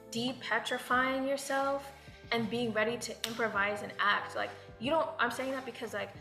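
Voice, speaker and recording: Speaking on a panel as a guest, this woman from the United States is loose and reflective, leaning on plenty of fillers. Her mid-range voice comes across bright and forceful in an echoey space.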